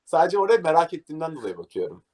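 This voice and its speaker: Animated young man telling stories fast. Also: fairly high pitch. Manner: animated, acts out scenes, says "abi" a lot. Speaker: DJ guest. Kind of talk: casual interview storytelling.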